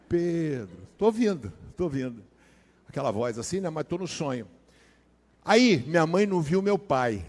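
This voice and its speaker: A Brazilian pastor delivers a sermon with personal stories in a casual, slang-heavy style, dropping into hushed asides before rising into loud, dramatic storytelling. His voice is fairly high for a man, with long reverb from a large hall trailing his words.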